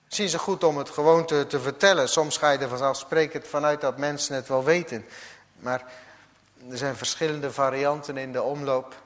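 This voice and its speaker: A man preaching a sermon as a pastor, slow and deliberate, now and then acting out the figures of a parable. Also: medium pitch, steady tone, long reverb tail.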